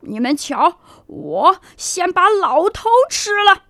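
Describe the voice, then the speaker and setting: A woman voicing a boastful, fierce tiger in a children's story, loud and swaggering. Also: very high-pitched, sing-song, slow, no echo, clean studio sound, voice pushed up, exaggerated voice.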